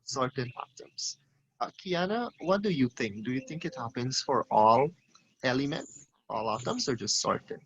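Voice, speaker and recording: Teacher for an online class, man, mid-pitched, questioning tone, muffled lo-fi call audio. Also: animated, moderate pace, a bit bright, slight background noise. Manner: questioning, calls on students by name. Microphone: video call.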